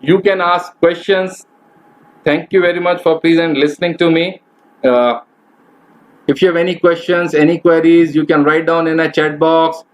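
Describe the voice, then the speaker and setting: A man's voice: on the high side, fairly even intonation, moderate pace, poor audio. A man, a corporate trainer giving direct, instructive advice in a webinar lecture. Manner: instructive and direct, addressing the audience as guys.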